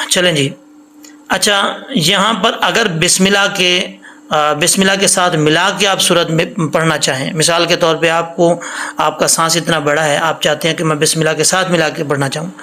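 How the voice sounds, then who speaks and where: Male recitation teacher, bright and a touch high, patient explainer who slowly chants Arabic examples. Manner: explains patiently, repeats rules, sings Arabic verses slowly. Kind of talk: Quran reading lesson with recitation.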